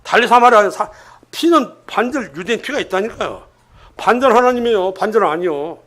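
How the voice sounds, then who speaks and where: Older man, high-pitched voice, preacher, church sermon, rhetorical questions to the congregation, loud emphatic lines, hushed asides. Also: animated, brisk.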